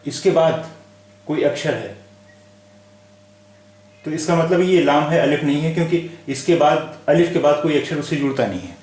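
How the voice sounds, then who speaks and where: A man's voice: on the high side, lively intonation, moderate pace, pauses often, darkish tone, reverberant. A man teaching a spelling lesson, patiently spelling out letters and repeating each word. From India. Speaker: language teacher.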